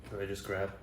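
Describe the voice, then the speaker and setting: A man's voice: low-pitched, noisy background. A man chatting casually as the host's boyfriend, easygoing and joking, asking curious questions. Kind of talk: casual chat. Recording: loud music, roomy and distant from the mic.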